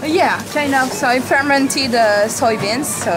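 A woman's voice: sits high, takes it slowly, low-quality recording. A young woman hosting a vlog, chatting and explaining foods while shopping in a supermarket, laughing often, recorded on a camera held at arm's length. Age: young adult. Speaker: vlog host. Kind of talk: casual chat while shopping. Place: indoor supermarket. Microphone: handheld camera at arm's length. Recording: busy supermarket with loud music. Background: loud background music.

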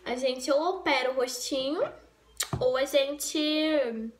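A Brazilian makeup vlogger, a young woman, talks slowly in a high-pitched voice with fairly even intonation. Getting ready at home in her bedroom for a casual vlog, she jokes, rambles and corrects herself over faint background music.

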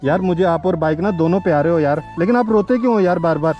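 A man's voice: fairly high pitch, fast, dull audio, soft background music. A young man hosting a motorcycle vlog, chatting casually outdoors on a cold mountain road and keeps calling out to his viewers. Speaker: motovlogger host.

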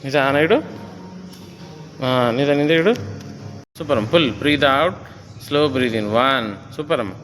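A man's voice: mid-range voice, unhurried, long pauses, a bit bright. Man counting reps in an echoey gym. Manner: short commands and rep counts. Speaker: fitness coach training his wife. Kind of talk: gym coaching. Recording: echoey gym hall with faint music.

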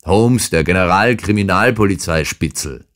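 A man voicing a huge, brutal older man in an audiobook, talking in a rude, shouting, insolent way. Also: sits low, moderate pace, voice pushed up. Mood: insolent, angry. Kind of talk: audiobook character reading.

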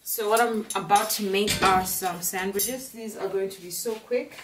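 A woman's voice: medium pitch, steady tone, normal speed, background noise. A young woman chatting casually to camera as a lifestyle vlogger, playful and laughing often, filmed in a small home kitchen. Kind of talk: casual vlog chat to camera. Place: small home kitchen and living room, indoors. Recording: roomy, distant audio with music behind.

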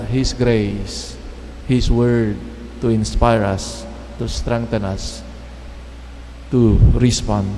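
Slow-speaking priest in a reverberant church. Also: male voice, mid-range voice, darkish tone, slight background noise. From Philippines. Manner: measured, halting phrases with pauses. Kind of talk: homily at Mass. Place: church chapel. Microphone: standing mic at lectern. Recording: long church reverb, faint ambience.

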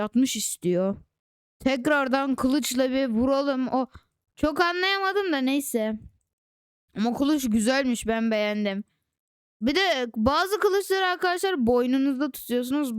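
A woman hosting a gaming channel, chatting excitedly to viewers through casual gameplay commentary on a close desk microphone. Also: high voice, clear, resonant tone, no echo.

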